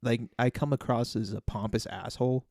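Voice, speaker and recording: A man's voice: mid-range voice, steady tone, fairly quick, gravelly, a little mellow, no room sound, clean studio sound. A man co-hosting a casual podcast, explaining himself earnestly and carefully, with many fillers and restarts. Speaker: podcast co-host.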